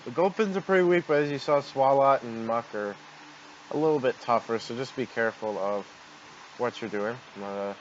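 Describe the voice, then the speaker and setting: A man's voice: mid-range voice, fairly even intonation, normal speed. Man commentating on a game, dull mic. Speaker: gameplay video host. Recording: dull noisy home microphone.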